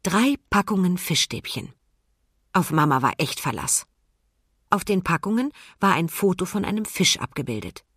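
A woman narrates a children's story aloud, calm and expressive. Her voice is low with a husky edge. The recording is dry and close. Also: normal speed, dry recording. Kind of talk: children's audiobook reading.

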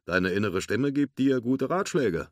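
A man voicing an earnest male space-ranger toy in a storybook read-aloud, musing in a slow, puzzled way. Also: mid-range voice, animated, darkish tone, dry recording, studio quality, pitched above the performer's own voice, lightly acted. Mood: curious.

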